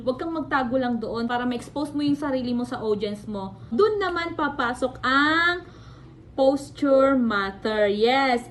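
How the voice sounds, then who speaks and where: A woman's voice: sits high, a little hiss or hum, low-quality recording. A young Filipino woman with a Filipino accent, giving a class report online, explaining step by step and switching between Tagalog and English. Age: young adult. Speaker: student presenter. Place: at home on an online class call.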